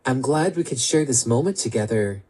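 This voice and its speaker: A woman whose voice is run through an app voice changer that drops it very low, playing a joking cafe companion. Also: lively intonation, normal speed, warm tone, breathy edge, heavily acted. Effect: voice changer shifting her voice far lower.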